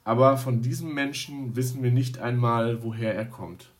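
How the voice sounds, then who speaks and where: A man's voice: medium pitch, steady tone, normal speed, lightly acted. A man voicing a group of hostile male religious leaders who question sternly and accuse. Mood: angry.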